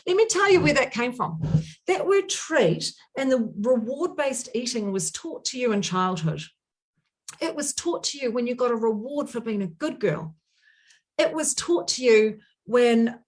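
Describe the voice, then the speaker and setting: A middle-aged woman coaching on emotional eating, talking straight to the listener with passion and emphasis. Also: high-pitched. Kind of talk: motivational talk to camera.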